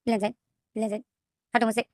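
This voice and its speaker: A woman voicing a tearful young man who pleads and protests in a high, strained voice. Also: little pitch movement, normal speed, darkish tone, no room sound, studio quality, natural voice. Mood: protesting.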